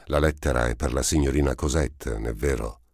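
A man voicing a grave older man who speaks in a calm, terse way in an audiobook. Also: rumbling low, moderate pace, slightly rough, no room sound, studio quality, full character voice. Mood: guarded. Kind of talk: audiobook character voice.

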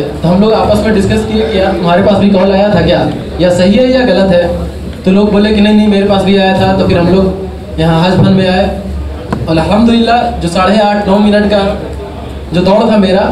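A man's voice: sits high, background noise. Young man speaking in an echoey hall. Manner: grateful, earnest. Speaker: selected police recruit. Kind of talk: testimonial speech. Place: large hall indoors. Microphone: handheld mic. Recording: echoey hall, distant mic, crowd behind.

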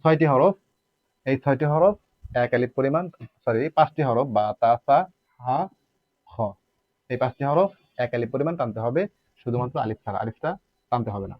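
A man's voice: medium pitch, a little fast, long pauses, dry recording, dull audio. A man teaching Arabic letter pronunciation in a patient, repetitive way, asking rhetorical questions and drawing out sounds to demonstrate them. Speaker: Quran recitation teacher.

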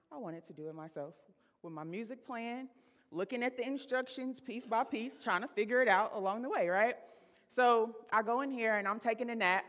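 A woman in her thirties preaching a sermon from a church stage, telling a personal story in a chatty, laughing way and calling the congregation y'all. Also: mid-range voice. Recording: reverberant sanctuary.

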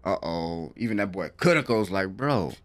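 His voice sits low yet stays expressive at a normal speed as this young adult anime reaction host delivers casual, slangy exclamations. The recording comes from a desk microphone close in front of him in a small bedroom streaming setup.

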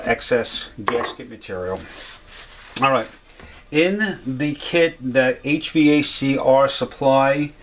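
A man explains a repair step by step at a workshop bench, in an unhurried, middle-pitched voice. He talks plainly and fills his pauses with "uh" and "um." A faint hiss sits under the recording. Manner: plain, step-by-step, with many "uh" fillers. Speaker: HVAC supply instructor. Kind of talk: how-to repair demonstration.

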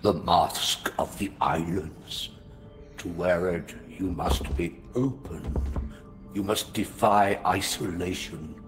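An actor voicing an old, patient, solemn mask-maker mentor in a video game, giving measured instruction. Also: male voice, deep voice. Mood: instructive. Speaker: game tutorial guide. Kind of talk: theatrical game narration. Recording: echoing, with game music behind.

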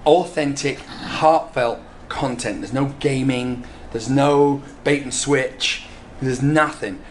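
A man's voice: medium pitch, slow pace. A middle-aged man hosting a vlog and running a seminar, talking enthusiastically and repeating words for punch. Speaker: vlog host and real estate agent. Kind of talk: energetic vlog and seminar talk. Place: car, office and seminar room. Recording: music playing underneath.

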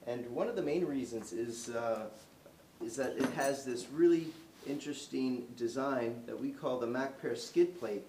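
A mellow, mid-range voice belongs to a man in his forties who walks about a medium-sized showroom showing off a product's features at a moderate pace. The demo is casual and unscripted, full of fillers and restarts, captured by a far-off camera mic with roomy echo and faint hiss.

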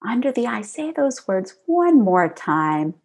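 Soft breathy woman guiding a tapping exercise. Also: fairly high pitch, slow pace. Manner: calm, soothing guidance with spoken affirmations. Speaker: tapping practitioner guiding a session.

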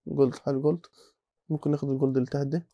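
A young man with an Egyptian Arabic accent, giving casual, excitable commentary while playing Minecraft, muttering to himself and now and then breaking into alarmed shouts. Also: medium pitch, racing, a little hiss or hum. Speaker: gaming channel host.

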